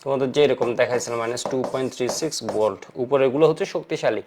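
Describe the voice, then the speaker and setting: A man's voice: mid-range voice, racing, background noise. A male chemistry teacher gives a lecture, asking questions and answering them himself and mixing in English terms. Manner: mixes English terms into his speech. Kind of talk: online lecture to students.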